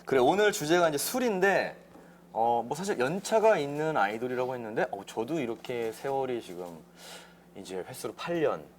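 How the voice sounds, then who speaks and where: Male host, mid pitch, animated intonation, chatty, playful. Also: moderate pace, a little hiss or hum. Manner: chatty, playful, leading questions. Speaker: talk-show host. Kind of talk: casual talk-show chat.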